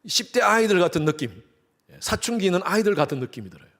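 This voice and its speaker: A man's voice: high voice, very animated, fast, fairly bright tone. A middle-aged man from Korea, a pastor preaching a sermon in a church and acting out quoted voices with animation. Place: church sanctuary.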